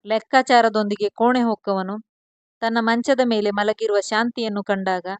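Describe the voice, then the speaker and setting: A woman storyteller giving a measured, expressive scripted narration of a serial love story. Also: medium pitch, dry recording.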